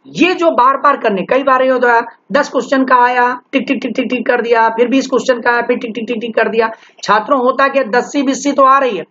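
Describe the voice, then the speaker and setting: A male teacher giving an animated exam-preparation lecture to students, often mimicking their complaints. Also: high voice, muffled recording.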